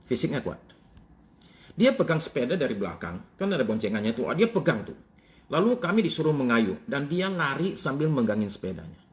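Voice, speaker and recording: A male pastor, preaching a sermon in a church and telling family stories with lively swings in pitch. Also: brisk.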